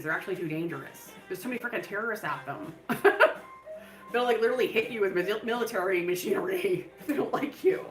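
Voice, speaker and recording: A woman hosts a livestream, rambling loosely with plenty of fillers and breaking into laughter. Her voice is medium-pitched and somewhat bright, captured as a rough recording in an echoey room.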